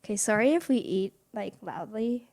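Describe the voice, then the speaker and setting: A woman's voice: medium pitch, animated, normal speed, gravelly, darkish tone. A young woman co-hosting a casual home podcast, giggly and playful, talking and eating into a close mic at home. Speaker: podcast co-host. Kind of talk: casual chat. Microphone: close podcast mic without shock mount.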